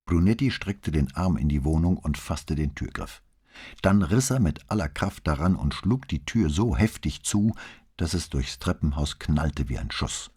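Brief: deep, husky man for scripted crime-novel narration, steady and deliberate. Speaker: audiobook narrator.

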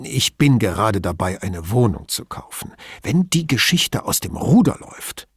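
A pompous police chief, voiced by a man reading an audiobook, pushes every point with indignant emphasis. His husky voice leaps around in pitch, and the recording is close and dry. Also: sing-song, normal speed, no room sound.

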